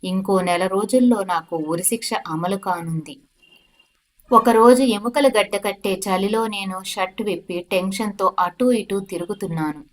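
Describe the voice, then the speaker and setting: A woman storyteller narrating a dramatic first-person story in a steady, dramatic way. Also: mid-range voice, moderate pace.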